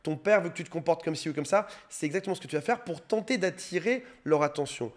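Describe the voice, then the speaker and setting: A man's voice: a little high, lively intonation, fast. A man giving a casual, conversational educational talk straight to his viewers, with the odd light self-mocking aside. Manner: casual and conversational, switching between formal and familiar address. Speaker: YouTube explainer on emotional dependency.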